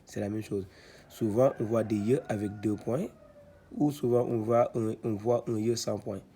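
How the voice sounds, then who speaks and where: A man teaching Quran reading in a slow step-by-step lesson, sounding out syllables and often restarting his sentences. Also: lowish voice, steady tone, dark tone, slight background noise. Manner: hesitant, many restarts and fillers, repeats syllables slowly.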